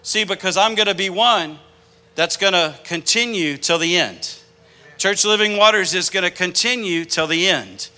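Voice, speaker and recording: A male pastor preaches with an impassioned, storytelling manner. His voice sits high for a man and sounds bright and forceful. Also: animated, moderate pace, smooth. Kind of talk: sermon.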